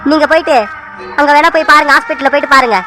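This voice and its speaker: A woman voicing a young male hospital messenger in a cartoon who speaks in a matter-of-fact, hurried way. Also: sits high, fairly even intonation, over music, lightly acted, rough recording.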